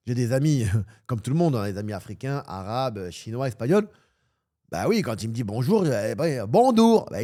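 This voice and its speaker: A man chatting off the cuff on his livestream, in a mellow, warm-toned voice. He rambles from topic to topic, swears crudely and livens up when he jokes. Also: mid-range voice. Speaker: streamer and football pundit. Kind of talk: casual livestream chat.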